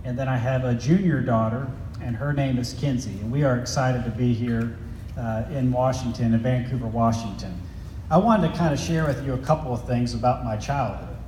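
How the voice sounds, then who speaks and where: A man's voice: mid-range voice, normal speed, warm tone. A middle-aged man gives a chatty chapel talk to students, joking and quizzing the crowd. His voice carries through a large, echoey hall with a long reverb tail. A faint hiss sits under it. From grew up in Italy and Germany. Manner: chatty, jokey, asks the kids questions. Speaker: school head speaking at chapel. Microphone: handheld microphone.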